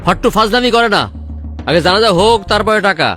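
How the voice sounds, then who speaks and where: A man's voice: high voice, quick pace, pushed and bright, faint music behind. An actor playing an exasperated, bossy man arranging his uncle's funeral and arguing with the hired mourners.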